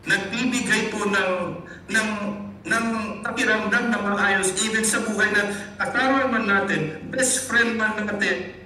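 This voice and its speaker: A man's voice: high-pitched, steady tone, unhurried, sharp tone. A man from the Philippines, a pastor, preaching a sermon and mixing Tagalog with English while he often calls out to his brothers and sisters. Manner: preaching with repeated addresses to the congregation; mixes Tagalog and English in teaching. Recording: echoey room, mic far off, faint hiss.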